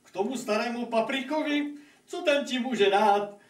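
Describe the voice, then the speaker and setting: A man voicing a lonely, fussy old king and father who grumbles and whines in a puppet fairy tale. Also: very high-pitched. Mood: scolding. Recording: echoey room, distant microphone, noisy.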